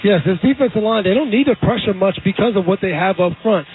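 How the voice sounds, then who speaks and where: Male color analyst, casual and confident, fairly high pitch, phone-thin radio sound. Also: quick pace, slight background noise. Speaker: analyst, former player. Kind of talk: radio sports commentary. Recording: phone-like band-limited radio audio.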